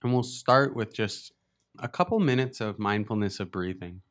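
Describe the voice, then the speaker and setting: A teacher with a lowish voice walks listeners through a guided meditation, speaking softly and at an easy pace in short phrases divided by long stretches of silence.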